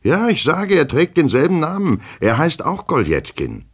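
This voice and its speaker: A patient older office chief prods gently with questions, sounding both puzzled and worried, voiced by a man reading aloud. His tone is husky and moves lively up and down. He speaks calmly and plainly. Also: rumbling low, normal speed, heavily acted. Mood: matter-of-fact. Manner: gently coaxing, asks questions.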